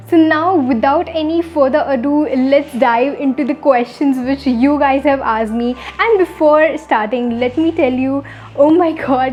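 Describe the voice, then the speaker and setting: A woman's voice: high-pitched, a little mellow. A woman in her early twenties with an Indian English accent, chatting upbeat to camera as she answers viewers' questions. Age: 20s. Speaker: vlogger, law student. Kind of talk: casual Q&A to camera.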